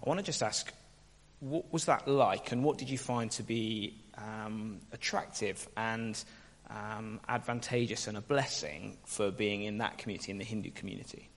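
A man's voice: on the low side, normal speed. A man hosting a casual onstage interview in a church, chatty and teasing. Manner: chatty, teasing, laughs easily. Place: church hall. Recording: reverberant church hall.

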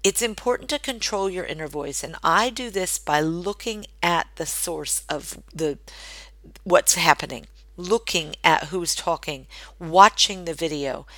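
A woman's voice: low voice, unhurried, a bit bright, no echo, low-quality recording. A middle-aged woman hosting a solo podcast from her home office, coaching listeners in a direct, earnest, instructive way. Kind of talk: solo podcast training talk.

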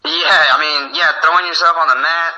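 A man speaks as a guest on a casual call-in show, in a laid-back, self-mocking way. His voice is very bright and sits a little high. He tells stories from his work with easy humor. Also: fairly even intonation, normal speed, muffled recording. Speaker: guest, fighter and bar bouncer. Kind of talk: casual phone-in chat.

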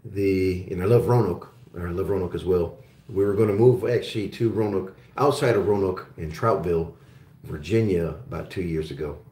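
A man's voice: deep voice, moderate pace, dark tone. A man from Germany who grew up in Oklahoma, hosting a live call-in show about metals and resource stocks, chatting casually with lots of fillers and restarts. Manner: rambling, with frequent fillers and restarts. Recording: roomy echo.

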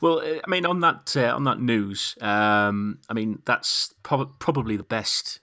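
A man's voice: mid-range voice, unhurried, sharp tone. A man hosting a casual podcast, friendly and a bit hesitant. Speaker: podcast host.

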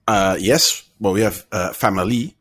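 Brief: Canadian man, dry and reserved, lowish husky voice, podcast co-host. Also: normal speed, a bit bright. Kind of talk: casual podcast chat.

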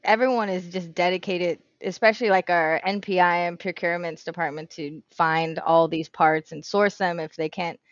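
A woman's voice: lowish voice, steady tone, moderate pace, hardly any pauses, dry recording. Chatty woman on a dull remote line. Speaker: marketing director, guest. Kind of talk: casual podcast interview.

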